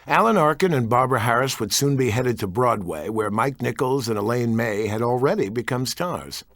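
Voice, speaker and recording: An older man giving scripted narration in a measured way. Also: medium pitch, a bit bright, no echo, studio quality.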